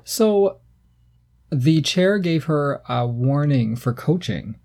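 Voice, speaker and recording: A man's voice: on the high side, takes it slowly, gravelly. A man in his thirties co-hosting a casual podcast, telling stories in a playful, irreverent way. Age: 30s. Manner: animated storytelling, playful and irreverent. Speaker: podcast co-host. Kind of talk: casual chat.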